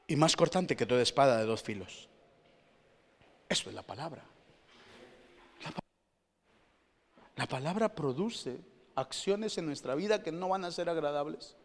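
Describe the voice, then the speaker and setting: A male pastor preaching a lively sermon to his congregation, full of rhetorical questions, moving between loud exclamations and hushed asides. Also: fairly high pitch, measured pace, long pauses. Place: church hall. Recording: long church-hall reverb.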